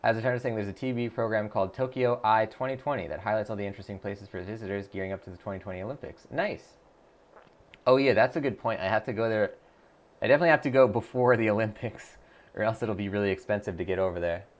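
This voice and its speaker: A fairly low-pitched man talks fast during a live stream, rambling casually while he practices a language app. Full of fillers and restarts, he thinks out loud and reads viewers' messages aloud before responding.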